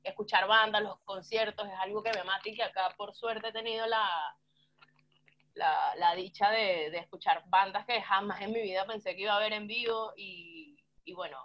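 A woman's voice: mid-range voice, normal speed, lo-fi sound. A young woman from Venezuela with a Venezuelan Spanish accent mixed with some Argentine words, chatting casually as a guest. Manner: chatty, animated, slangy, laughs often. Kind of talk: casual chat.

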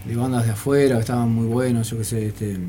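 A man's voice: medium pitch, level tone, quick pace, warm tone, slight background noise. A man, talking as a guest in a casual radio interview, rambling with many fillers and restarts. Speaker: guest musician.

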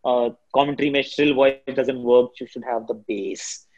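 Dull audio carries the voice of a Hindi-speaking cricket commentator from Delhi with an Indian accent. Responding to interview questions, he is shrill, fast and energetic.

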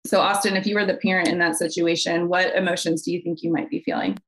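A woman mental health counselor, a podcast guest, explaining calmly and walking through worked examples. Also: on the low side, fast. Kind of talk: podcast conversation.

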